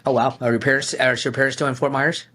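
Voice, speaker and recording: A podcast host interviews a guest, putting questions in an upbeat way and frequently repeating words as he begins phrases. His medium-pitched voice is level and sharp, moving at a quick pace.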